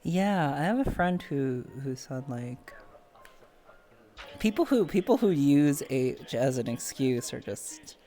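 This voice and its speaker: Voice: mid-range voice, big pitch swings, takes it slowly, dark tone, soft background music. A podcast host in casual interview chat on a stream, chatty, joking and rambling.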